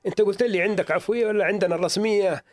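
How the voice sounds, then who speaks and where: Middle-aged man, sore throat, earnest storyteller; quick delivery, close dry sound. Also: high voice, a little mellow, dry recording. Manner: earnest, storytelling, repeats himself for emphasis. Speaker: museum owner. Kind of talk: casual interview talk.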